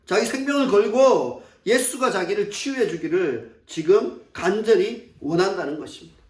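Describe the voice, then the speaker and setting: A high-voiced male pastor preaches in a sermon style, posing rhetorical questions and acting out the lines he quotes. He sounds distant from the mic, in a church with lots of echo. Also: normal speed, a little mellow. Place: church sanctuary.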